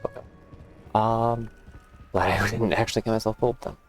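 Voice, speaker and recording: A man's voice: on the low side, level tone, moderate pace. A man giving casual, rambling, musing commentary as he plays a video game. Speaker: gamer, let's play host. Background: faint game music.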